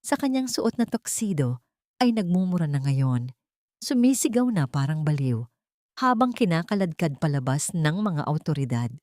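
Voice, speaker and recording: A woman with a Filipino accent and a lowish, darkish voice narrates a scripted dramatic story as an audiobook narrator. The recording is dry and studio quality.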